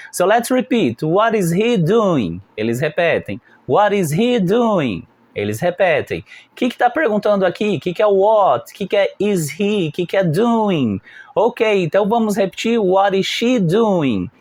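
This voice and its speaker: A man who speaks Portuguese as his first language explains how he runs an English lesson, acting out slow classroom drills as he goes. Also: high voice, no echo. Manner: models classroom dialogue, alternating slow drilled phrases and quick asides. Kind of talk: instructional explanation for teachers.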